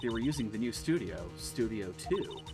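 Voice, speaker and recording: A man's voice: on the low side, expressive, moderate pace, gravelly, over music. A man reading aloud the lines of a chatty young female studio assistant from a game, in his own plain voice. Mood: gossipy. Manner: gossipy storytelling, read aloud.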